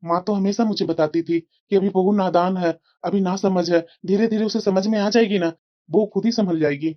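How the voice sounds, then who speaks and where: A woman's voice: medium pitch, fairly even intonation, moderate pace, close to an everyday voice. Cartoon young husband, firm and lecturing; voiced by a woman, dull lo-fi recording. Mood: reassuring. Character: young husband, reasonable and scolding. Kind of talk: cartoon voice acting.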